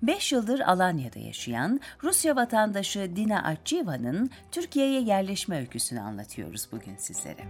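A woman's voice: mid-range voice, huge pitch swings, normal speed, few pauses. A woman radio presenter reading scripted narration in complete, orderly sentences, with music behind her.

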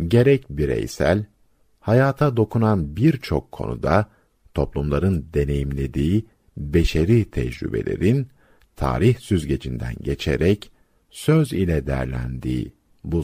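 Deep gravelly male storyteller. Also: warm tone. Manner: measured, didactic storyteller. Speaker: radio program narrator. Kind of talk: scripted storytelling narration.

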